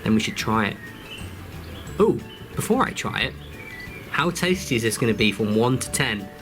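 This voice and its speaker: A man's voice: on the low side, very animated, moderate pace, a bit bright, faint music behind. A British man giving a live outdoor cooking demonstration by a campfire, instructive and friendly, speaking to children watching. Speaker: forest school instructor.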